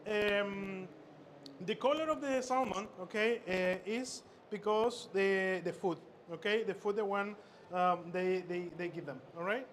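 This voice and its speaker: Chef instructor from Chile, male, raised pitch, stop-start cooking demo patter over loud expo noise. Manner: halting, many fillers and repeated words. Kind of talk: live cooking demonstration. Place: expo stage. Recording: noisy expo hall ambience.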